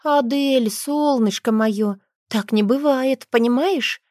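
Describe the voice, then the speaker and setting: A woman playing a soft-spoken young mother, patient and a little weary, her voice lifted a touch higher than the narration. The recording is dry and close, with no room sound, as an audiobook reader puts her on. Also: takes it slowly, no room sound. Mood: coaxing. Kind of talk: audiobook character voice.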